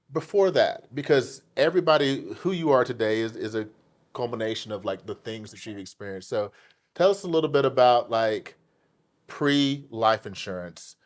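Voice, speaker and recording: A man hosting an interview show, talking with animated enthusiasm and lots of fillers and restarts. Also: mid-range voice, moderate pace. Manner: animated, hyped delivery with many fillers and restarts. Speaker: podcast host.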